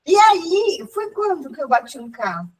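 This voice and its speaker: A woman, older, telling a lively personal story in casual chat, laughing often and acting out what people said. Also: high-pitched, normal speed. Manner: animated, laughing, acts out dialogue. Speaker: group member sharing a story. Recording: voice from far off the mic.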